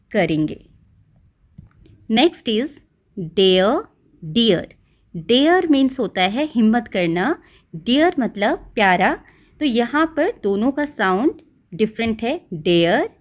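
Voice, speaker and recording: Slow, patient Indian woman teacher. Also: on the high side. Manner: patient, explains each word and repeats it in Hindi. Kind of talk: school lesson explaining a textbook.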